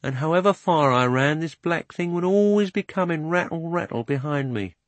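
A slow, thoughtful talking horse from a storybook, done by a male reader. He muses and hesitates, sounding a little muddled. The voice sits a touch above the reader's own and is close and dry. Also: fairly high pitch, animated, no room sound, voice pushed up, natural voice. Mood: musing. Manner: slow, musing.

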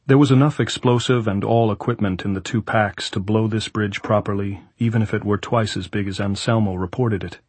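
A man's voice: on the low side, breathy edge, no echo. A man narrating a literary novel as a scripted audiobook reading.

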